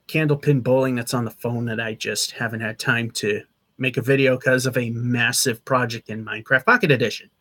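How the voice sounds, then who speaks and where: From a cramped attic room under a sloped wood-paneled ceiling, a thirtysomething channel host gives a loose, chatty vlog update on a desk-distance webcam. His voice is medium-pitched and fairly bright, and he keeps using fillers and starting over.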